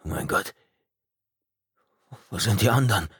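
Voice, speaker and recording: A frightened man hurt in a crash, speaking in a shaken, trembling voice. A male narrator gives him a slightly low, subdued read in a dry recording. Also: animated, measured pace, a bit bright, slightly rough, dry recording, exaggerated voice. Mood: dazed. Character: frightened injured man in wreckage.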